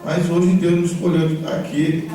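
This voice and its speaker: A man preaching a sermon in a church, talking conversationally and telling stories with animated retellings, often checking in with his listeners. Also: on the high side, normal speed. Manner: conversational, repeats tag questions, animated storytelling. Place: church hall. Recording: echoey church hall from far off, background noise.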